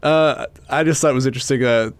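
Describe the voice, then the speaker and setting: A man in a casual podcast chat, mid-pitched and easygoing. He laughs often and drops into quoted movie lines with mock voices. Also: quick pace. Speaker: podcast co-host.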